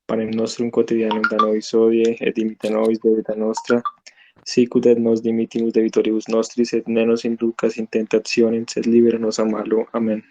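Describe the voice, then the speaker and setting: Man reciting in a flat monotone. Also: lowish voice, moderate pace, slight background noise, low-quality recording. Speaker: student. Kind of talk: reciting a prayer.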